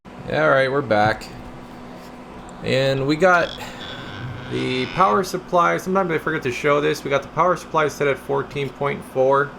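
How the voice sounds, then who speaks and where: Poor audio with slight background noise carries a man's gravelly, slightly high voice, fairly bright in tone and unhurried. As host of a radio repair and test video channel, he talks through each step of an informal hands-on demo while working, sometimes half muttering to himself.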